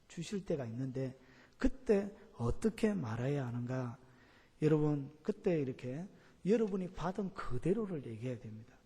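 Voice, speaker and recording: A pastor preaching a sermon, constantly filling with the same filler word and questioning the congregation. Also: male voice, medium pitch, warm tone, husky. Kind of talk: sermon teaching. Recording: long church hall reverb.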